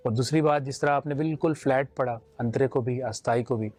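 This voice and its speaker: A man's voice: mid-range voice, fairly quick, a little mellow, faint music behind. A man with a Pakistani Urdu accent, judging a naat competition and explaining his points with homely examples and mild humor. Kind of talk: judge's critique.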